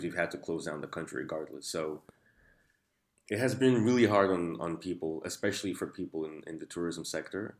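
A man. He speaks as a guest in an interview, laying out explanations from his own line of work. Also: low-pitched. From Angola. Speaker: interview guest, founder of a nightlife and tourism company.

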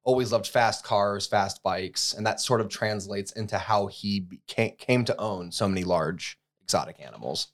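A man in his thirties from the United States, co-hosting a podcast with a fairly low voice. He tells a story in an easygoing, conversational way, full of fillers and restarts. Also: normal speed, hardly any pauses. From USA. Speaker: podcast co-host. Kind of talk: casual chat.

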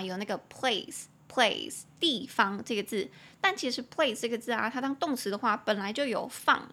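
A woman in her twenties with a Taiwanese Mandarin accent, hosting a casual podcast English lesson and slowly repeating words as she explains them. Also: fairly high pitch, fairly bright tone, husky. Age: 20s. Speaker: English teacher podcast host.

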